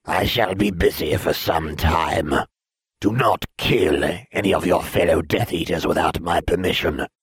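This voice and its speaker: A man voicing a cold, imperious male dark lord in an audiobook, speaking in slow, clipped commands. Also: low-pitched, husky, dry recording, studio quality, exaggerated voice. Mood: commanding. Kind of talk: audiobook character voice.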